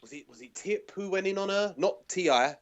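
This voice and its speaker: A man with a London accent, from London, England, speaks fairly quickly in a high-sitting voice on a muffled recording. He's a podcast guest in casual chat, trading easygoing banter, laughing often and restarting his sentences.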